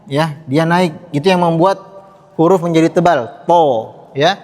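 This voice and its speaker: A man's voice: on the high side, moderate pace, a little mellow. A male Quran teacher, patiently explaining tajwid rules to a class and repeating the sounds for them to echo. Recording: long reverb in a hall.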